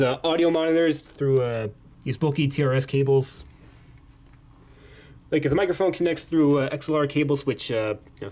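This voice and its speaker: A man with a slightly high voice and a darkish tone rambles about video games for a vlog update, halting often and filling gaps with fillers. He's a game commentator using a condenser mic in an echoey home room.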